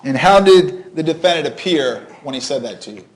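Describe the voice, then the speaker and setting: Higher-voiced male prosecutor, courtroom recording. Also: lively intonation, a little fast, poor audio. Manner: methodical, step-by-step questioning. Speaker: prosecutor questioning a witness. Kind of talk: formal courtroom questioning.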